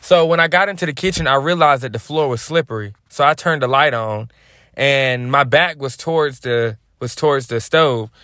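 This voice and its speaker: A man telling a story to his viewers in a casual, lively, slangy way. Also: medium pitch, moderate pace, no echo, studio quality. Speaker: vlogger.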